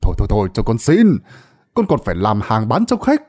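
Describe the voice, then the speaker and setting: A man voicing a fat, drunken middle-aged son who scolds his mother loudly and impatiently. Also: medium pitch, sing-song, a little fast, breathy edge.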